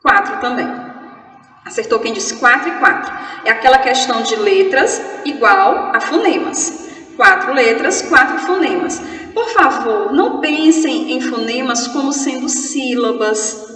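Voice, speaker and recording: A high-voiced woman teacher with a Brazilian Portuguese accent leads a grammar lesson at an unhurried pace, playful and chatty as she spells words out. Her voice sits well back from the microphone in a roomy space with a long reverb tail. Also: animated, sharp tone, recorded from a distance. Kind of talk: online grammar class.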